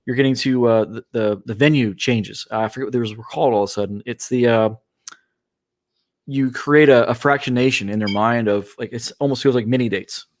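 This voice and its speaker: A man with a mid-range voice co-hosts a casual podcast. He reads out listener points in a relaxed way, breaking off into quick asides. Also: mid-range voice. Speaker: podcast co-host.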